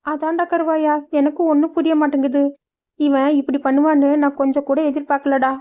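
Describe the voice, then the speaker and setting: A woman voicing a scolding old village mother in a cartoon story, with a shrill, anxious manner. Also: flat delivery, brisk, lightly acted. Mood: frightened. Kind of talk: cartoon voice acting. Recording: dull lo-fi sound.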